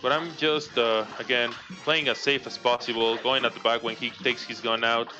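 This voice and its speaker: A Mexican man whose first language is Spanish speaks with a Mexican Spanish accent at a medium pitch and normal speed, casually chatting through live speedrun commentary. He's relaxed and talkative, laughs often and reads chat aloud. The stream audio is dull and lo-fi, with game music in the background.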